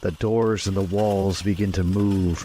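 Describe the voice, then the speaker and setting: A man's voice: deep voice, steady tone, a little slow, background noise. Man narrating as game master. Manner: descriptive scene-setting narration.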